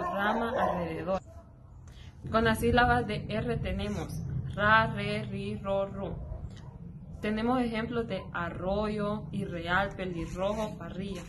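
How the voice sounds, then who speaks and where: A woman recites syllable drills and example sentences for a class presentation, very slowly and one sound at a time. Clear background noise runs behind her voice. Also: medium pitch. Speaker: student presenter.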